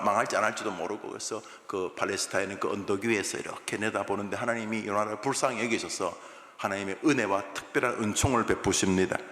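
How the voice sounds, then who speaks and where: A male pastor preaching a sermon in colloquial, animated storytelling style in a church. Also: fairly low pitch. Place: church sanctuary. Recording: echoey hall with long reverb.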